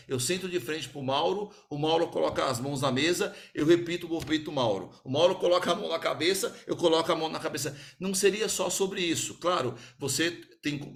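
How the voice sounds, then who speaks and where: A man with a Brazilian Portuguese accent speaks to a small group about selling, with a voice pitched a little above the usual male range. He talks with energy and often plays out short exchanges with customers to make his point. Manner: energetic, uses acted-out customer dialogue. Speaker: sales speaker. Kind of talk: sales talk to a small group.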